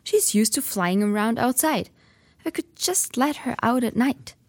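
A woman doing a high, stammering young boy. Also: lively intonation, normal speed, darkish tone, dry recording. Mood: pleading. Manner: pleading, stammering.

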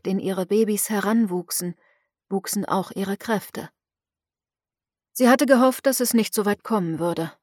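A woman reading a novel aloud as an audiobook narrator, in a measured, even way. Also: mid-range voice, dry recording, clean studio sound. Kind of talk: scripted narration.

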